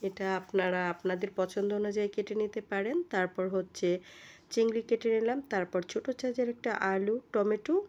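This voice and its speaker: A woman, hoarse from a cold, giving chatty step-by-step directions as she narrates a home recipe. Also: medium pitch, fairly even intonation, brisk, darkish tone, lo-fi sound. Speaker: cooking channel host. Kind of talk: recipe voice-over.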